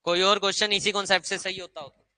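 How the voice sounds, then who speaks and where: A man's voice: high-pitched, fairly even intonation, fast talker, pushed and bright, smooth, dry recording. A man teaching English grammar to a class, quizzing students and having them repeat rules aloud. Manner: drills students with call-and-response repetition; quizzing, asks many short questions.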